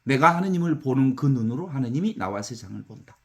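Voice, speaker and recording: Animated Korean priest giving a talk. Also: male voice, medium pitch, fast talker. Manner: conversational, animated storytelling with acted-out counting. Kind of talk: spiritual lecture.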